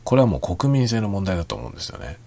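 Very deep, husky-voiced man chatting quietly. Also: wildly swooping pitch, racing. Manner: soft, rambling, self-deprecating, chuckles often; speaks quietly while drinking. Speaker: podcast host. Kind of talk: late-night quiet solo chat.

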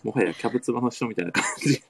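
A man's voice: medium pitch, racing, creaky, dry recording. A man hosting a casual online radio chat, eager and full of admiring interjections. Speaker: podcast host.

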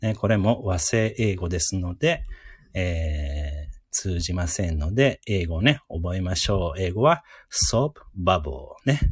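A man with a low, husky voice hosts a casual live radio lesson. He is chatty and encouraging and slows down to repeat each word for listeners to drill. His pitch swings widely, and the close mic sounds dry. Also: no room sound. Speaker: radio host teaching English words.

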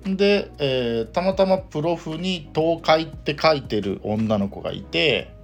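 A man's voice: fairly high pitch, animated, a little slow, vocal fry, faint music behind. A man with a Kansai accent hosting a casual solo podcast, talking hesitantly with many fillers. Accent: Kansai Japanese. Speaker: podcast host.

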